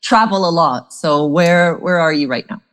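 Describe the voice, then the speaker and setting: A woman's voice: sits low, moderate pace, a bit bright, no room sound, studio quality. A woman hosting a podcast, introducing her guest and chatting with her in an enthusiastic, chatty way. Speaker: podcast host. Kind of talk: scripted introduction and interview chat.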